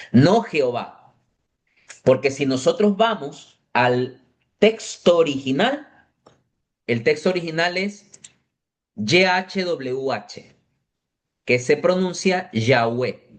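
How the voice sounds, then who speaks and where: Male parish catechism teacher, slightly high voice, slow and patient, keeps checking in with the class. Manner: explains slowly, checks in with the class. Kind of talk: adult catechism class lecture.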